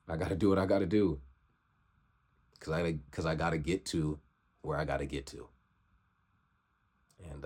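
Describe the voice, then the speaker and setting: Young man, twenties, very deep voice, motivational vlog, preachy, repetitive. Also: darkish tone. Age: 20s. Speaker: vlogger.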